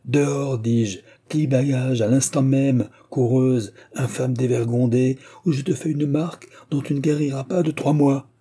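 A man voicing an angry middle-aged innkeeper's wife who scolds in a raised, shrill voice in an audiobook reading. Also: brisk, dark tone, breathy edge, natural voice. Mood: screaming.

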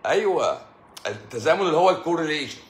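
A man's voice: a little high, animated, quick pace, roomy sound, a little hiss or hum. A middle-aged man with an Egyptian Arabic accent, a doctor chatting casually with live-stream viewers, telling jokey stories and laughing often. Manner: joking storyteller, laughs often.

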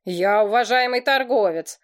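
A woman reading voices a coarse, blustering male market trader who shouts back. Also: on the high side, moderate pace, natural voice.

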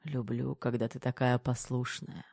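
Male narrator voicing a wounded, grumpy young major in an audiobook: hushed, low, dark whisper. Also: normal speed, dry recording, clean studio sound, close to an everyday voice. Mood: weak whispering. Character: wounded young army major, gruff, tender.

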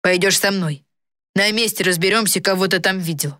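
A woman's voice: medium pitch, a little fast, pushed and bright, dry recording, clean studio sound, lightly acted. A woman voicing a hot-tempered young male captain who speaks curtly and impatiently. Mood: furious. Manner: gruff, curt, impatient.

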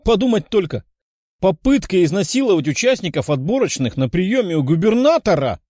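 A man's voice: sits high, very animated, a little fast, no echo, studio quality, voice pushed up. A man doing a brash young dragon girl. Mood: mocking. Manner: loud, mocking.

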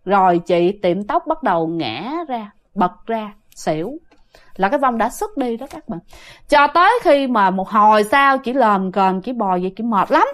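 A woman with a Southern Vietnamese accent telling a ghost story to her listeners in a lively, dramatic, casual way. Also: medium pitch, moderate pace.

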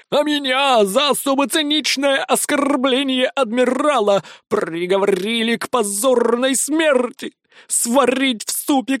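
Karamba, a brash old pirate parrot. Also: male voice, extremely high pitch, fairly bright tone, dry recording, studio quality, voice pushed up, heavily acted. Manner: brash, boastful, squawking. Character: cocky century-old male pirate parrot. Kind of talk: audiobook character voice.

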